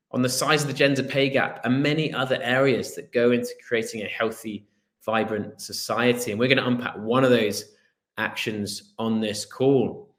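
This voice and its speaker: A Welsh man in his thirties, a business founder giving an earnest online presentation with a storytelling manner and the odd filler pause. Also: medium pitch, fairly bright tone. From Wales. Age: 30s. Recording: roomy echo.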